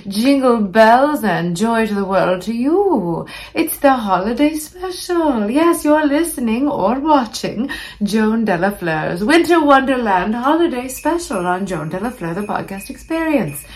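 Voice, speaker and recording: A woman's voice: a little high, animated, a little slow. A vain phantom starlet of old Hollywood, holds court on a comic podcast. She is theatrical and arch, with the campy grandness of a drag queen. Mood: theatrical, festive. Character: campy vain old-time Hollywood movie-star ghost, female. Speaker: podcast host. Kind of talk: comic in-character podcast monologue.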